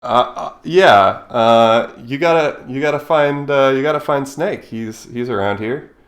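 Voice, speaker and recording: A man running a tabletop game as game master, narrating and voicing characters with animated shouts. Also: mid-range voice, a little slow.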